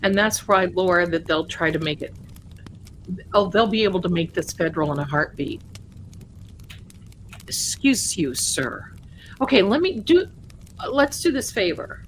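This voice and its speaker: A woman with a slightly low voice hosts a live ghost-talking stream over background noise. She chats casually to spirits and viewers alike. Her delivery rambles and halts, with words and phrases often repeated. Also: lively intonation, normal speed, low-quality recording. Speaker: livestream host of a spirit communication session.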